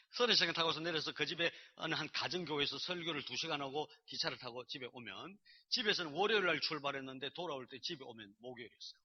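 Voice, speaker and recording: A man's voice: on the high side, slightly rough. A male pastor giving a sermon, telling a story and acting out the dialogue himself. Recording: dull lo-fi sermon recording.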